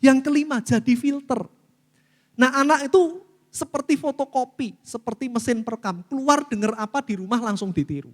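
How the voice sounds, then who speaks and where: In a church hall with long reverb, a middle-aged pastor with an Indonesian accent preaches a lively sermon, calling out to the congregation and often addressing them as saudaraku. His voice is very high and his speed normal.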